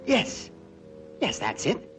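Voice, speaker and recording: A man playing a scheming, pompous insect crime boss in a vintage animated film, blustering and bossy. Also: slow, faint music behind. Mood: smug, scheming.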